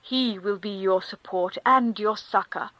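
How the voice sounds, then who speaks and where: A woman voices a rapturous, pious countess in an audiobook, consoling with fervent, sermon-like delivery that's lightly acted. She has a mid-range, fairly bright voice and speaks a little slowly; the recording is low quality, without room sound.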